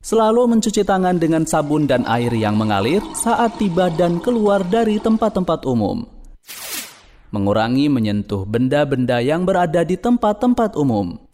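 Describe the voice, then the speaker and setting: A man reading a scripted public service announcement in a measured, formal, instructive way. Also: a little high, very animated, mellow, slight background noise.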